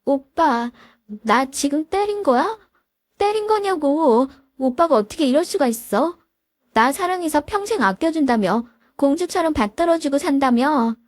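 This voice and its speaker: A woman voicing a spoiled young daughter-in-law with a sharp, whining voice. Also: high voice, expressive, moderate pace, dry recording, voice pushed up. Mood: tearful.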